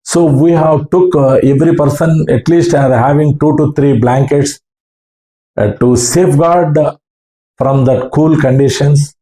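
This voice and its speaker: In halting, earnest short phrases, a man with a South Indian accent recounts his experience as an amateur radio operator. His voice is fairly high and warm with fairly even intonation, and the recording carries a roomy echo.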